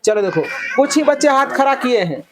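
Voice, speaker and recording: A man's voice: extremely high pitch, lively intonation, brisk, noisy background. A middle-aged male math teacher, lecturing a classroom of children and firing questions for them to answer back. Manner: loud call-and-response questioning of pupils.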